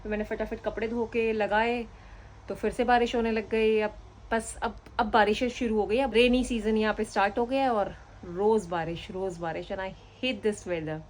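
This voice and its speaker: Filming her family vlog on a handheld phone, this Indian mother of two in her thirties speaks to her audience in a chatty, easygoing way. She has a mid-range voice at a normal pace, and the setting shifts among streets, a restaurant, a café, and home, with clear background noise in the vlog audio.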